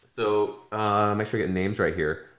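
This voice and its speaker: A man's voice: lowish voice, fairly even intonation, moderate pace, fairly bright tone, roomy sound. An American man co-hosting a casual podcast, rambling and correcting himself with lots of fillers. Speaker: podcast co-host.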